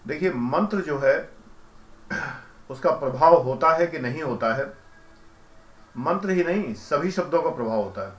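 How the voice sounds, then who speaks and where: A man giving a calm, explanatory devotional lecture as a spiritual teacher, who chants mantras slowly. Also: a little high, echoey room, dull audio.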